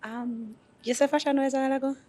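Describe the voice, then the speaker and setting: A woman's voice: sits high, steady tone, fast, dark tone. A woman, answering briefly and casually as a dating show contestant.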